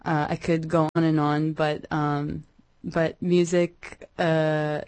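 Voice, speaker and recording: A young woman from Iraq, a musician guest in an interview, speaking hesitantly with many pauses and restarts. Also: low-pitched, level tone, a little mellow, no room sound. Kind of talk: radio interview.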